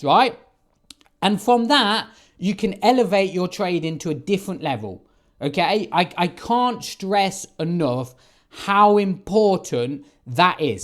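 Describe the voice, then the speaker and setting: A man's voice: sits high, darkish tone. A man trading forex, giving an emphatic, casual vlog monologue and often checking in with "right?". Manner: emphatic, keeps asking "right?". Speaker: forex trader.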